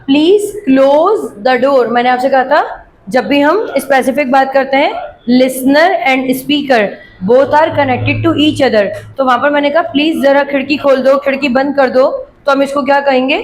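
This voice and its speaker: A woman teaching English grammar from a worksheet. She reads example sentences slowly and clearly, then explains them quickly, often asking her students questions and answering them herself. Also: sits high, slight background noise, poor audio.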